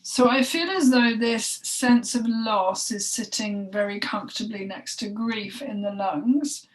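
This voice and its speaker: A woman co-hosting a spoken energy healing session, talking in a halting, emotional way, with sighs and soft breathy asides. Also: fairly high pitch. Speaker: healing session practitioner and co-host. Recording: voice distant from the mic.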